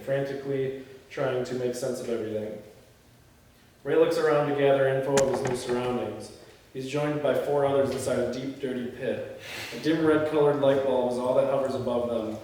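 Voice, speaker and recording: A man with a medium-pitched, darkish voice reads screenplay directions at a film table read and chats casually with the group. He is far from the mic in a very echoey indoor room, with slight background noise.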